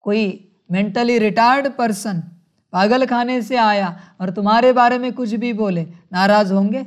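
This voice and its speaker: A woman giving a spiritual sermon, speaking in a measured way, calling her listeners children and asking rhetorical questions. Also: fairly high pitch. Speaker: spiritual teacher.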